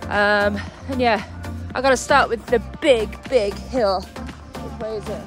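Over music, a woman of medium pitch speaks slowly in a casual running vlog filmed outdoors on a cold night. She holds her phone and rambles chattily, out of breath after running.

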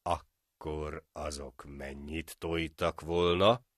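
A man voicing a greedy innkeeper in an animated folk tale, slowly reckoning sums out loud and growling threats. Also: rumbling low, no room sound, clean studio sound. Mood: calculating. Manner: slow, reckoning aloud. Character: greedy male innkeeper, calculating and grumbling.

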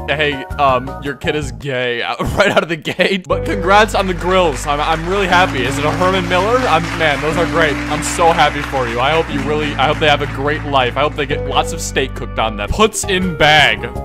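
Young male commentator, slightly high voice, dry sarcasm, music playing under him. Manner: sarcastic, mock-serious, breaks into laughter. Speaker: YouTube commentator. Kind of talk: comedic commentary reading posts aloud.

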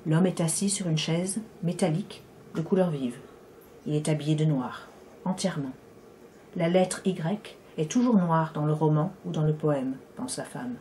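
A woman author giving a measured, unhurried reading of her own literary prose. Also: low voice, mellow, a little hiss or hum. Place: Paris.

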